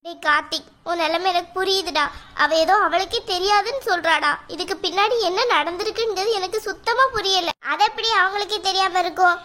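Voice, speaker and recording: A worried middle-aged mother from a cartoon, voiced by a woman. Her voice is very high and bright, almost squeaky. She talks in a fretful, pleading way. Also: brisk. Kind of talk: cartoon voice acting.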